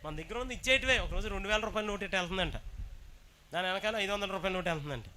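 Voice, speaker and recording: A man preaching a sermon, calling on the congregation to answer and shouting praises. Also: sits high, rapid-fire, crowd noise. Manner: shouts praises and urges the congregation to respond loudly. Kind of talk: sermon with call-and-response.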